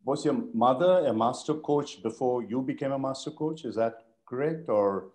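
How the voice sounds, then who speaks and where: A man's voice: medium pitch, normal speed, a little mellow. A man interviewing a guest over a video call, asking questions with hesitant restarts. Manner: hesitant, frequent restarts and fillers. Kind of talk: conversational interview.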